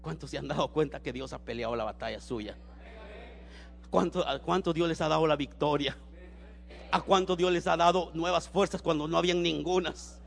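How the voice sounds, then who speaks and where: A man preaching a sermon, swinging between loud exclamations and quiet storytelling. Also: on the high side, steady tone, moderate pace, creaky.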